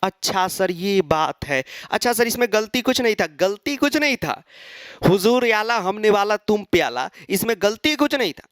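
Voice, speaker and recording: A man's voice: sits high, big pitch swings, normal speed, fairly bright tone, clean tone, dry recording. Confused schoolboy put on by a man, pleading, protesting, dry sound.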